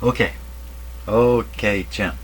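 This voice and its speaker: A radio repair vlogger with a lowish, slow voice thinks aloud casually in his workshop while testing electronics. He mutters tentatively and often questions himself. A loud electrical hum and crackling come from the noisy old radio he's testing.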